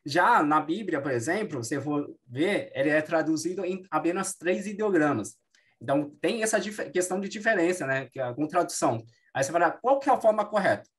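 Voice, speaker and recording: A man's voice: a little high, animated, a little fast, fairly bright tone. Male teacher, patient. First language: Mandarin Chinese. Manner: explanatory, frequent "né" tags, self-corrections. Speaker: Mandarin teacher. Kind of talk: classroom explanation.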